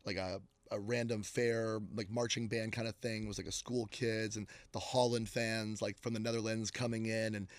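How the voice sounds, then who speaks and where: A man's voice: fairly low pitch, moderate pace, few pauses, dry recording. A man in his thirties from Canada, a guest talking casually and enthusiastically with lots of fillers. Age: 30s. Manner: relaxed, filler-heavy, enthusiastic. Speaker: guest, agency co-founder. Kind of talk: casual interview talk. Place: radio studio. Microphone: studio mic.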